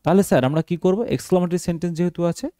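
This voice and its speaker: A man is teaching an exam-preparation class. His voice sits a little high but sounds mellow and warm. He keeps putting questions to his students and then answers them himself. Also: fairly even intonation, very fast. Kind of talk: translation lesson for exam students.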